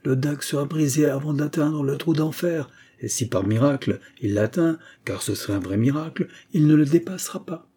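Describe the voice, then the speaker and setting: Man playing a gruff old English pioneer, blunt, ironic, skeptical, mellow, husky, storybook. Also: a little high, moderate pace, few pauses, voice pushed up. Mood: scornful.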